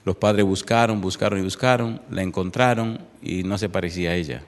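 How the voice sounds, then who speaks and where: A man preaching a sermon, moving from an impassioned appeal into a softly told story with voiced quotes. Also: a little fast. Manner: impassioned, loud and high at the start, then softer storytelling with voiced quotes. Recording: long hall reverb.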